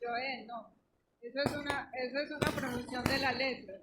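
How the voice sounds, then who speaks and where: A woman's voice: high-pitched, fairly even intonation, moderate pace, heavy background noise. A woman pastor preaching a sermon to her congregation, emphatic and questioning, teaching with questions. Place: church.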